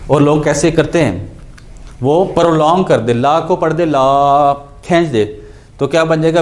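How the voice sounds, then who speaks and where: A man's voice: on the high side, darkish tone. A man teaching Quranic Arabic grammar, explaining each word and posing questions he then answers himself. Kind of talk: Urdu lecture on Quranic grammar.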